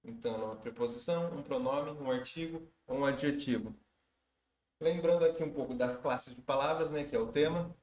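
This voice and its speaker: A man's voice: mid-range voice, fairly quick, a little mellow. Brazilian male exam-prep teacher, methodical explainer, roomy echoey sound. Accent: Brazilian Portuguese. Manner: explanatory, step-by-step, with tips. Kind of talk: walking through exam questions.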